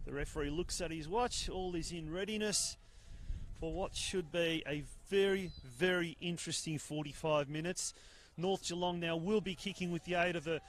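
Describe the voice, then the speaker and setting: An Australian man commentating a live football match, talking in a rambling way with lots of fillers and getting loud at near-misses, cold enough that his jaw clicks. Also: a little high, slight background noise. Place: outdoor grandstand commentary spot.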